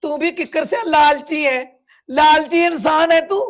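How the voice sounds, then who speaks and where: In a village web series drama, an actress with a Punjabi accent plays a grieving village woman who hurls bitter, tearful accusations at a family friend. Her natural voice sits on the higher side and moves at a moderate pace.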